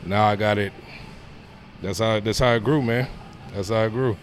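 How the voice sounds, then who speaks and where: A man in his thirties with a fairly low voice speaks at normal speed, with clear, steady background noise in the recording. Interviewed as a personal trainer, he talks casually and informally, often slipping in "man" and "you know."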